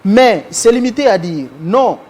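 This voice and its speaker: High-voiced man speaking formally. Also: lively intonation, darkish tone. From Congo (DRC). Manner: formal, measured, lawyerly phrasing. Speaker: guest. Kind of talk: televised interview.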